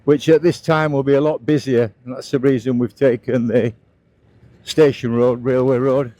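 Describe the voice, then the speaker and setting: A man's voice: mid-range voice, steady tone, normal speed, mellow, dry recording. A middle-aged British man giving casual, plain-spoken running commentary as he rides a scooter outdoors. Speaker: motovlogger narrating a ride. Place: outdoors, riding a scooter on roads.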